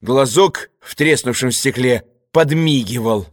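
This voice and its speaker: A man reading a novel aloud as an audiobook narrator, deliberate and expressive. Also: medium pitch, no room sound, clean studio sound. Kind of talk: scripted narration.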